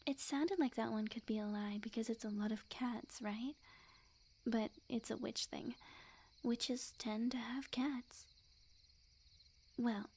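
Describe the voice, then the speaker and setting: Her voice a little high, a woman whispers much of her ASMR roleplay as a sweet, obsessive witch girlfriend, speaking softly, breathily, coyly and without hurry.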